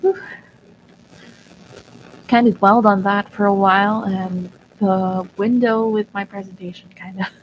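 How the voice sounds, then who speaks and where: A young woman streaming live, talking in a soft, reflective and sentimental way, with pauses and small laughs. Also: mid-range voice, steady tone, a little hiss or hum, low-quality recording. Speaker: virtual streamer. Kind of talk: casual live-stream chat.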